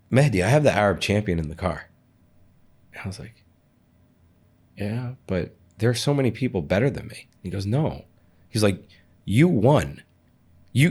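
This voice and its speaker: A man in an interview, telling stories casually, often restarting and repeating words. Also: lowish voice. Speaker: interview guest, athlete and coach.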